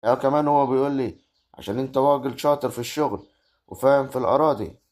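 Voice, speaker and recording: A man's voice: medium pitch, fast talker, a little mellow, close to an everyday voice. A man with an Egyptian accent playing a young married farmer who argues and defends his wife in a village drama. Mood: musing. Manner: arguing, protesting. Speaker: actor in a web drama. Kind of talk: amateur village drama acting.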